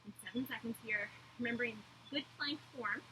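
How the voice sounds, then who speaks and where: A woman's voice: a little high, a little fast, bright, forceful tone, slight background noise, rough recording. A woman fitness instructor leading a workout in clipped, encouraging commands and counts, talking as she exercises. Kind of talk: workout coaching with counts and short cues.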